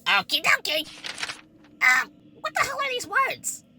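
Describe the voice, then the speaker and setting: A woman's voice: very high-pitched, big pitch swings, measured pace, bright, forceful tone, slight background noise, exaggerated voice. A woman playing a flippant young woman adventurer who talks in a casual, slangy, wisecracking way. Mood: puzzled.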